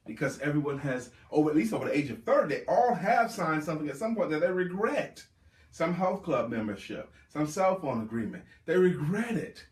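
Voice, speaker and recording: Animated male sales trainer in a roomy space. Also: fairly high pitch, a little fast, recorded from a distance. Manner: emphatic, repeats key words for stress. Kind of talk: motivational sales seminar talk.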